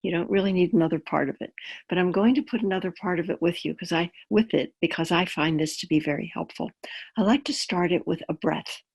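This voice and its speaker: A woman guides listeners through a calm grounding exercise. Her voice sits a little low and has a noticeably husky, breath-worn texture. She instructs gently and plainly, explaining as she goes. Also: brisk.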